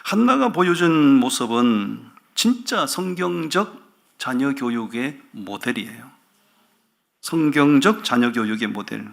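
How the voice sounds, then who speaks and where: A male pastor delivers a Sunday sermon with animated emphasis and frequent rhetorical questions. His voice is gravelly with a bright, forceful edge. He sits at an ordinary mid pitch for a man. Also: unhurried.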